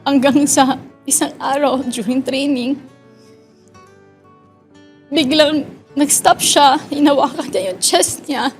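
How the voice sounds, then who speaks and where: A woman with a Filipino accent, a mother recounting her child's ordeal in an interview, soft-spoken and often dropping quiet. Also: high voice, fairly even intonation, takes it slowly, pauses often, soft background music. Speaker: guest, mother. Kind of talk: emotional interview account.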